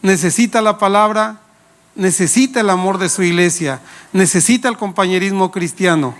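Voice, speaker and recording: Man, pastor, high voice, lively sermon, rhetorical questions. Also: moderate pace. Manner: playful, laughs while telling anecdotes.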